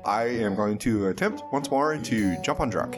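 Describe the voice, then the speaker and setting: A man chatting casually as a player in a tabletop game, halting as he talks. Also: fairly low pitch, lively intonation. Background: music.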